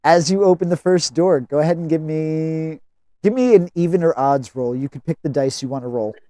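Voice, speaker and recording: Male game master, slightly higher register, dry recording, deliberate narration. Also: mellow, dry recording. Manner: deliberate, rules-focused.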